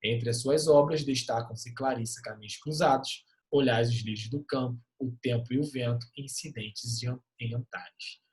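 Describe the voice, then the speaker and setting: A young adult man with a Brazilian Portuguese accent teaches an online literature class, lively and joking, and reads short poems aloud. He speaks at a normal speed with a medium pitch and few pauses.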